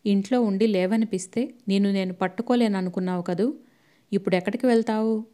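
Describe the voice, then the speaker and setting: A woman reading the part of an agitated young husband who snaps back in quick, heated retorts. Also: mid-range voice, steady tone, mellow, natural voice. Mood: angry.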